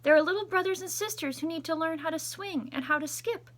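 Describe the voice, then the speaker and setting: A woman's voice: extremely high pitch, fairly quick, fairly bright tone, voice pushed up. Woman reading as an earnest, emphatic school principal man. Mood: earnest announcing. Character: earnest, easily worried male school principal.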